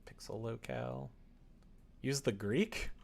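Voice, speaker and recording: A man with a mid-range, darkish, creaky voice talks slowly while streaming game development from his computer desk indoors. He chats casually with viewers and thinks aloud as he works, rambling in a playful way, like a relaxed livestream.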